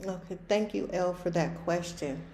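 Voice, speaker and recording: A woman's voice: fairly low pitch, normal speed, mellow, roomy sound. A woman in her fifties, a recovery life coach hosting a podcast, talking plainly and directly in casual conversation. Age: 50s.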